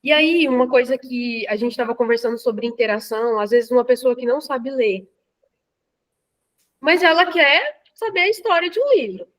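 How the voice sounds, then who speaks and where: A woman's voice: high voice, expressive, moderate pace, fairly bright tone. A Brazilian woman talking casually in a lecture discussion, hesitant, with many fillers and restarts. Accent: Brazilian Portuguese.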